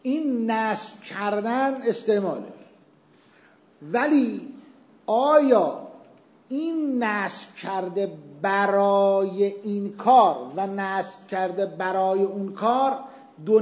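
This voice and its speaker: A man with a fairly high voice lectures a seminary class. He works through the point by asking his own questions and answering them with homely examples. The room rings with a noticeable echo. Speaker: teacher of Islamic legal theory.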